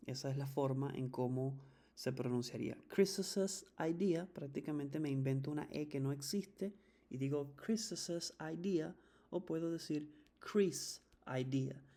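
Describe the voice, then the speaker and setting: A teacher giving an English grammar lesson in Spanish, patiently repeating each rule and slowly drawing out the example words. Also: medium pitch, fairly even intonation, mellow.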